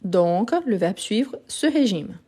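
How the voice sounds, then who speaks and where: A woman with a mellow, warm voice teaches grammar on a live stream. She explains patiently and repeats the key words. Her voice comes through a phone microphone. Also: medium pitch, animated, slow, husky. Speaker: French teacher. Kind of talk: live online grammar lesson.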